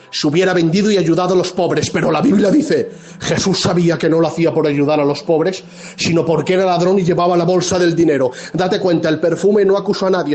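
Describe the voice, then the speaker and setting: A man's voice: on the high side, darkish tone. A man preaching a fervent sermon as pastor, acting out dialogues with God and scripture, with an Andalusian Spanish accent.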